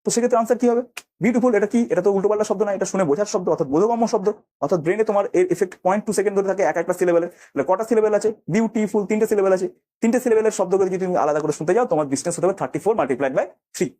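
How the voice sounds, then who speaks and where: A male physics teacher explains at a rapid clip, with a dark, mellow tone. He keeps asking his students whether they follow, and he calls out words twice to act out an echo. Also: high-pitched. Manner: explains with repeated check questions, acts out echoes. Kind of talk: classroom lesson.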